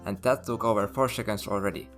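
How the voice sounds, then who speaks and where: A man who hosts the channel, giving a scripted narration and walking through numbered points at a steady explanatory pace. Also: on the low side, fast. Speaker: channel host. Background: faint background music.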